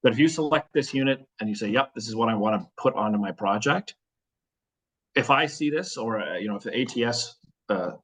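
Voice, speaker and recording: A man's voice: medium pitch, expressive, brisk, fairly bright tone, poor audio. A man explaining product selections in a webinar walkthrough, practical and full of fillers.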